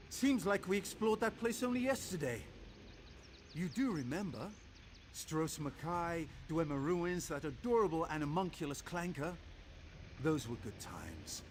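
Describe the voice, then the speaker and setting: A man's voice: on the high side, a little hiss or hum. A man voicing an eager, erudite scholar of ancient ruins in a video game, wordy and theatrical in his delivery. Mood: fond, breezy. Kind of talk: scripted video game character dialogue.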